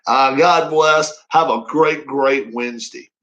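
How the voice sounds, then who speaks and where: A man's voice: medium pitch, slow, fairly bright tone, lo-fi sound. Rambling folksy man in his fifties. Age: 50s. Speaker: racing league streamer. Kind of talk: casual live-stream chat.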